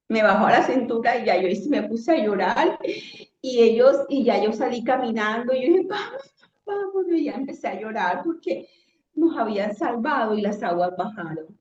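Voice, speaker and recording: A woman giving an emotional personal testimony, animated and acting out her own shouts as she tells it. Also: fairly high pitch. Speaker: interviewee sharing a near-death testimony. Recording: echoey room, dull lo-fi sound.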